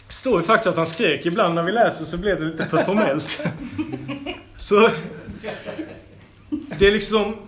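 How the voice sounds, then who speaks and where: A man with a fairly high voice leads a Bible school lesson. He reads scripture aloud and breaks in with lively, playful asides. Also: long pauses, a crowd in the background.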